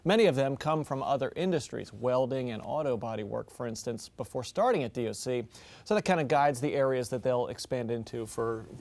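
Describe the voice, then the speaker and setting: A male news reporter reading a scripted story in a crisp, measured way. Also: medium pitch, expressive, a little mellow. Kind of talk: scripted news narration, then casual studio chat.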